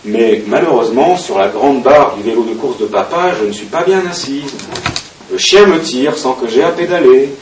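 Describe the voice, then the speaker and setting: A man reading a diary aloud in a halting, expressive way with occasional fillers, recorded at a distance in an echoey room with faint hiss. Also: medium pitch. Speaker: reader.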